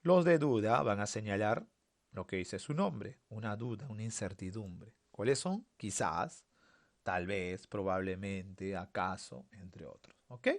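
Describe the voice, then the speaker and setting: Slow teacher with a gravelly voice. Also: male voice, on the low side. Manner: asks the class questions and answers them himself, slow and repetitive. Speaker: primary school teacher. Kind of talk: online grammar lesson.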